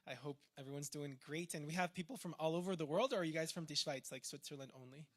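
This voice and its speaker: A man's voice: fairly high pitch, quick pace, a bit bright. A young man from Peru with a Peruvian accent, speaking as a tech entrepreneur in a chatty, informal talk about his faith. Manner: chatty, informal, full of fillers.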